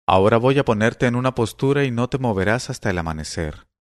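A man voicing a menacing male efrit spirit in a storybook reading, giving orders slowly and sternly. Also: medium pitch, lively intonation, no echo, studio quality, lightly acted.

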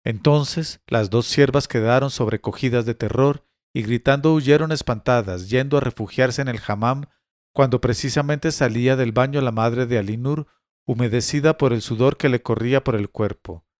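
Guy reading an old tale out loud, steady and formal, dry close sound. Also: mid-range voice, no room sound. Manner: measured, formal storytelling. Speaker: narrator. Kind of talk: reading a classic tale aloud.

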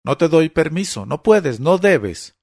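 Ágata, a shrill furious girl, voiced by a man. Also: very animated, measured pace, creaky, darkish tone, dry recording, studio quality, full character voice. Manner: shrill accusing outbursts. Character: angry blind young girl, bitter and distrustful.

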